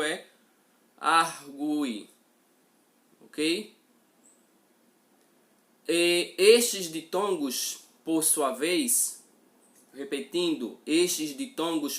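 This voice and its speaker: A man's voice: a little high, fairly bright tone. A male teacher gives a grammar lesson, repeating example words and checking in with his students as he goes.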